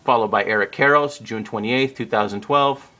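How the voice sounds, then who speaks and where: A man casually narrating a walkthrough of his collection on home shelves, naming items one after another with the odd pause and self-correction. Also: mid-range voice. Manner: steady list-like naming with occasional uh and self-corrections. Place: indoors at home by display shelves.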